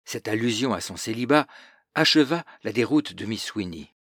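A man narrating a novel as an audiobook in a measured, literary manner. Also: fairly low pitch, expressive, fairly bright tone, slightly rough, no echo, clean studio sound.

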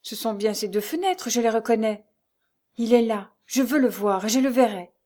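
Woman doing a young jilted girl in a storybook, nervy and pleading, voice pushed up higher. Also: lively intonation, brisk, warm tone, close to an everyday voice. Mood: indignant. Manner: pleading, growing indignant.

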